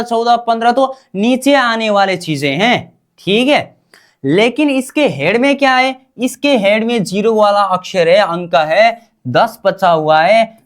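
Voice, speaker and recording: Woman language teacher, unhurried delivery, quizzes and answers herself, drills each word again and again. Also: medium pitch. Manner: asks questions and answers them herself, repeats each term. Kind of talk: slow call-and-response lesson.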